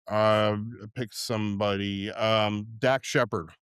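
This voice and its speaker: Smooth-voiced male podcast host. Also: on the low side, steady tone, slow, fairly bright tone, no room sound, studio quality. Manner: easygoing, affirming interjections. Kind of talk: casual interview.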